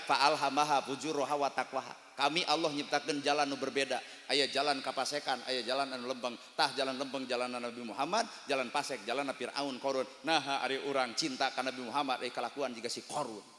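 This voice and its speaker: Male Sundanese-accented preacher, bright tense tone, lively storytelling sermon, recorded with a long hall reverb. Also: mid-range voice, a little fast. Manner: animated storytelling, acting out dialogue, bursts of shouting. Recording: echoey hall from a distance.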